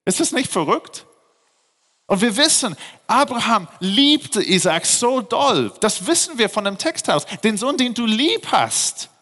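A man preaching with emphatic rhetorical questions, his voice sitting somewhat high for a man. He moves between reading scripture and explaining it in lively speech. A long reverb trails each phrase, as in a large hall. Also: measured pace. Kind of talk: sermon, Bible teaching.

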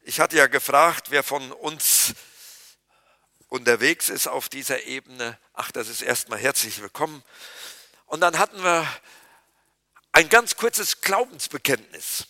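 A man preaching a sermon to his congregation, addressing them informally and dropping to a hushed voice for quoted scripture. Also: on the high side, dry recording, studio quality. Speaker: pastor.

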